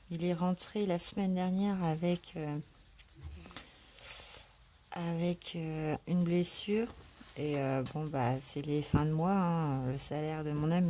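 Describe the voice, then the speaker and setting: A woman's voice: sits low, a little mellow, slight background noise. A woman vlogging casually from home about her coloring, just woken up, talking hesitantly with lots of fillers. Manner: hesitant, many fillers, chatty. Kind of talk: casual vlog chat. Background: cat meowing.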